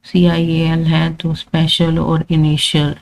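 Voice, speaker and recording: A woman's voice: sits low, completely flat delivery, slow, creaky, poor audio. A woman teaching English pronunciation rules, patiently repeating points and checking in with learners. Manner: patient, repeats points with frequent "thik hai" check-ins.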